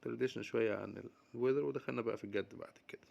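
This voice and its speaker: An Egyptian man with an Egyptian accent teaches English words. He says each term slowly, then explains it quickly in Arabic. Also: mid-range voice, fairly even intonation, creaky, a little mellow, lo-fi sound. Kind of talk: vocabulary lesson mixing English and Arabic.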